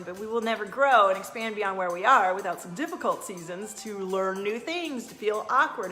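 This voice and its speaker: A woman's voice: mid-range voice, a bit bright, reverberant. A woman talking casually on a live stream as a life coach and energy reader, giving upbeat, motivational advice in a chatty way.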